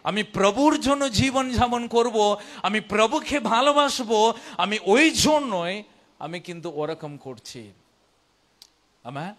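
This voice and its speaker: A man with a high, animated, somewhat bright voice preaches a sermon in Bengali at a slow pace, leaving long pauses. Bengali isn't his first language; he learned it as an adult and speaks with a foreign accent. He exhorts listeners with repeated phrases and rhetorical questions.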